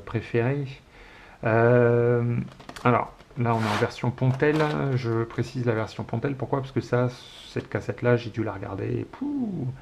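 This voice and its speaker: A French man in his forties hosts a casual solo chat show, rambling fondly and nostalgically with many hesitations. His medium-pitched voice has vocal fry, and the home recording sounds dull with faint hiss.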